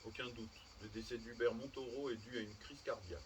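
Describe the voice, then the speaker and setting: A man reading the lines of a hurried male doctor who speaks in a brisk, offhand way. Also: medium pitch, fairly even intonation, a little hiss or hum, close to an everyday voice. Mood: matter-of-fact.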